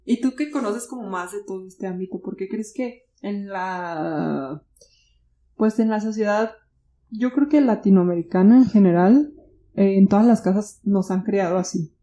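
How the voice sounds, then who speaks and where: A woman's voice: medium pitch, normal speed, mellow. A woman with a Mexican accent hosting a conversation and asking attentive, reflective questions. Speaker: host, interviewer. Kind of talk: podcast interview.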